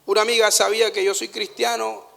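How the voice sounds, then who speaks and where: A man preaching a sermon, telling personal stories in an animated way, laughing at himself and dropping to a hush in tender moments. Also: high-pitched, quick pace, vocal fry, big-room sound. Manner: animated storytelling, laughs at himself, swings from loud to hushed. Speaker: pastor.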